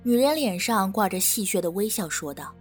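A woman narrating an audio drama with expressive storytelling, over faint music. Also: medium pitch, moderate pace.

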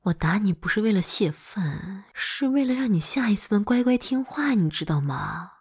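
Playing a hot-tempered older girlfriend who still dotes, a woman whispers in a very breathy, husky voice, medium-pitched, expressive and a little mellow at normal speed. She curses freely and veers from scolding to coaxing.

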